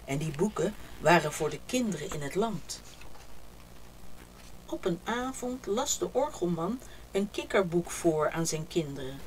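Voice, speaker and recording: A woman reading a children's picture book aloud, telling the story warmly and expressively. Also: fairly low pitch, very animated, unhurried, a little hiss or hum, low-quality recording.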